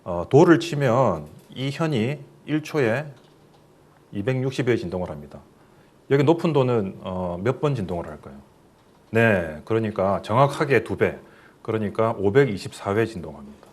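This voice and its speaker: Man, middle-aged, lecturing, lowish voice, patient explainer, asks questions. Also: lively intonation, moderate pace, husky. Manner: plain explanatory, fillers, asks questions to listeners. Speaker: professor giving a lecture. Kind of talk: recorded medical lecture.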